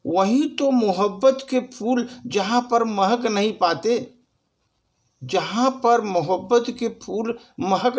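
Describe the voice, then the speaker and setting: A man reciting a short poem, first giving a spoken introduction, addressing his listener as sir and repeating each line with emphasis. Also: sits high. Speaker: poetry reciter.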